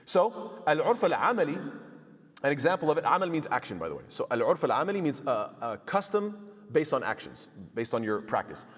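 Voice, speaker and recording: Very animated and talking a little fast, a man with a high voice leads a relaxed Islamic law lesson in a large mosque hall. He uses Arabic terminology, cracks jokes, and acts out small exchanges between people.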